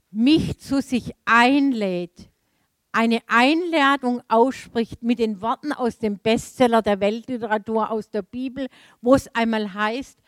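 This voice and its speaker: A woman from Germany giving a sermon, telling a personal story with laughing asides in a lively storytelling manner. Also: fairly high pitch, no echo. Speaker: preacher.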